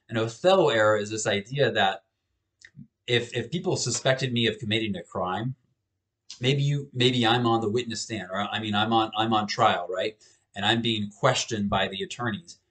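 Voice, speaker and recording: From a small home office, a male professor in his thirties records a webcam lecture at a moderate pace. His voice is fairly low and a bit bright. He keeps it casual and conversational, with many restarts and repeated words.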